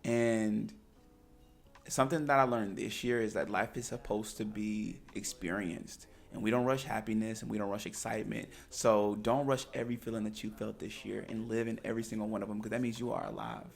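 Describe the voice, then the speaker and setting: A man's voice: lowish voice, fairly even intonation, brisk, gravelly. A man co-hosting a podcast in casual chat, talking in an earnest, encouraging way. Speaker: podcast co-host.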